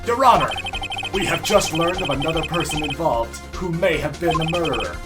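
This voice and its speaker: A man's voice: fairly high pitch, lively intonation, a little fast, over loud music, natural voice. A man voicing an earnest young defense lawyer in a game read-along, emphatic and argumentative. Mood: accusing. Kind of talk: video game read-along role-play.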